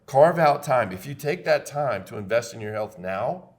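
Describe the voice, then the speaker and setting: Speaking at a moderate pace in an expressive, mid-range voice, a fifties-aged Texan chiropractor hosts a casual podcast about health. He tends to preach, pressing his points and saying them again and again.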